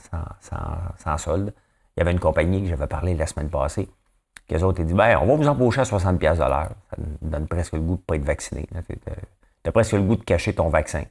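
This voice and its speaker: A man with a very low voice and a Quebec French accent, hosting his daily news commentary. He talks casually and rambles from point to point. He keeps tossing out rhetorical questions. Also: warm tone. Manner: rambling, asks rhetorical questions, often tags "hein?".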